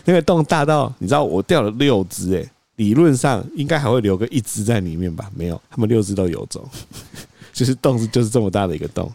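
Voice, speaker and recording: A man, co-hosting a podcast, telling a story in an animated way and acting out quoted lines. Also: lowish voice, fast, creaky, no echo. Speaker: podcast co-host. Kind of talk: casual storytelling chat.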